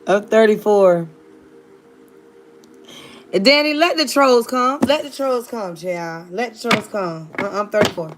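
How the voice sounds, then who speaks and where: A woman in her thirties from Virginia, United States, streams live and banters sassily and playfully with her chat. Her mid-range voice is expressive but a little slow, with long pauses.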